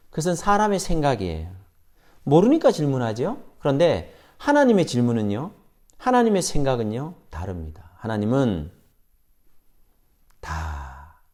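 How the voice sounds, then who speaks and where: Man preaching with lively pitch. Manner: dramatic pauses, acting out quoted questions. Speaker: pastor. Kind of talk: sermon. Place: church sanctuary.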